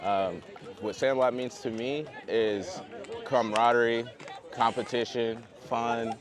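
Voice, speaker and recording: A man's voice: medium pitch, fairly even intonation, takes it slowly. Man over a crowd. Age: 30s. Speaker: team founder. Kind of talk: casual interview. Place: outdoors at a ballfield. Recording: crowd noise outdoors.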